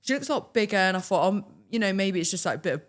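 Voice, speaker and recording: A woman's voice: medium pitch, very fast. A young woman, a podcast guest telling casual stories with quoted dialogue and frequent laughs. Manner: lively, laughs often, acts out quoted dialogue. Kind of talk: casual storytelling.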